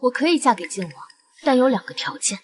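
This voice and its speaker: A woman's voice: a little high, sing-song, fast, noisy background. An actress playing a shrewd, self-assured young noblewoman with a wry, unflappable manner in a costume drama. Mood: resolute. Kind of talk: Chinese costume short-drama acting.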